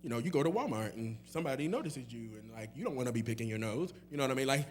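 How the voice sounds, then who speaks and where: Young male guest singer, casual and rambling, mid-pitched, faint hiss under it. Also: lively intonation, racing. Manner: rambling, laughing, many fillers. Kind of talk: casual Q&A chat. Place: church hall with audience.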